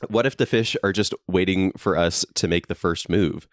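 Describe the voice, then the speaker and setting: In a friend's basement, a young man co-hosting a podcast reads a comedy script aloud, laughing often and delivering it jokily. His voice is deep and moderately paced, and the studio sound is clean, with no room sound.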